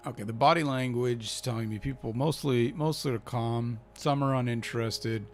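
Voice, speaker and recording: Soft background music accompanies a man with an Icelandic accent who hosts a gaming channel. As he plays a football manager game, he chats and thinks aloud, urging his team on, in a mid-range voice at a normal speed.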